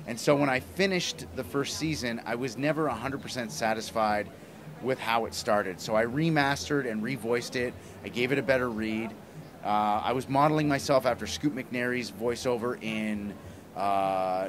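At a convention, inside a small plywood-walled booth, a middle-aged comic writer and broadcaster is interviewed as a guest, a handheld mic held toward him. His mid-range voice comes across casual, enthusiastic and effusive. The recording is clear, with background room noise and convention ambience.

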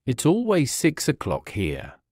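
A blunt, riddling storybook hatter, voiced by a male narrator. He delivers odd remarks slowly, with a wide, animated pitch. The sound is dry and close. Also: no echo.

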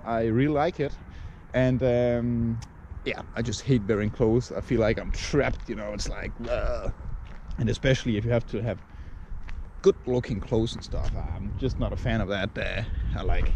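A man's voice: medium pitch, a little mellow, slight background noise. Rambling Danish man vlogging outdoors. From Denmark. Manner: rambling, with frequent fillers. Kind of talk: casual vlog talk to camera. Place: outdoors on a chilly morning. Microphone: camera held at arm's length.

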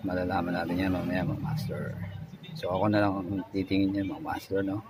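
Low-voiced Filipino repair guy. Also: steady tone, fairly quick, heavy background noise. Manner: keeps saying "mga master" and "no?", slightly slurred. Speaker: phone repair tutorial host. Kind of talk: casual repair walkthrough.

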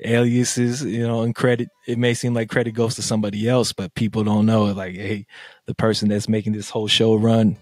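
Over a video call from a room in his home, an American man from an Army family hosts a podcast, chatting casually with a guest and leaning on "you know" a lot. He uses a studio mic with a headset, and his low-leaning voice stays level and brisk, with no room sound.

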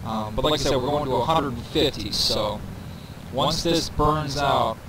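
A man's voice: medium pitch, normal speed. A man narrating a casual game walkthrough, thinking aloud with fillers and counting down numbers, his voice carrying reverb from a poor microphone. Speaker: gameplay tutorial narrator. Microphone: cheap desk microphone. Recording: reverby mic with crowd noise behind.

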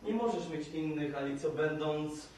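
A man's voice: a little high, moderate pace, a little mellow, a little hiss or hum, lightly acted. A man acting a prim, easily offended young man on stage, given to indignant outbursts. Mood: earnest. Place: theatre stage. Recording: echoey hall, far from the mic.

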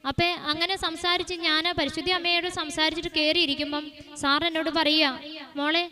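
A woman's voice: extremely high pitch, little pitch movement, brisk, bright, forceful tone. A woman gives an earnest, emotional church testimony, telling her story with frequent restarts. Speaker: testimony giver.

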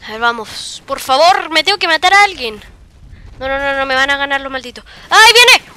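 A woman with a Chilean accent giving live, excitable commentary over her own gameplay, cursing and yelling at the game. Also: sits high, fairly quick. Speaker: gaming video creator.

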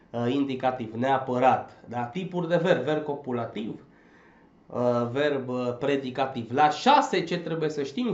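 A man teaching an exam-prep language lesson, emphatic, checking in often with a quick "da?". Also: fairly high pitch. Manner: emphatic, drills points with frequent "da?". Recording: echoey, slightly dull recording.

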